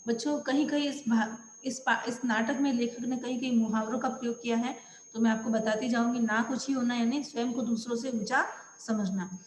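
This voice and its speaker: High-voiced woman teacher explaining a lesson. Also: steady tone, fairly quick, reverberant, long reverb tail, slight background noise. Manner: explaining words one by one. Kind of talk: explaining a school lesson to children.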